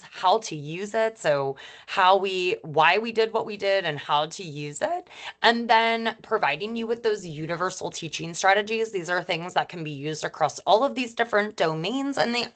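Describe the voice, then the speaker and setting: A woman presenting a webinar as a former teacher, talking quickly and informally with lots of fillers. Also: lowish voice, fairly bright tone. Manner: rapid, chatty, self-described auctioneer pace; friendly and informal, with frequent fillers.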